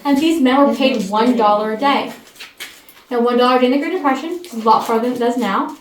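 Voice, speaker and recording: A woman's voice: on the high side, quick pace. A woman giving a memorized guided tour talk, her voice echoing inside a cave. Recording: echoey cave, distant mic, faint noise.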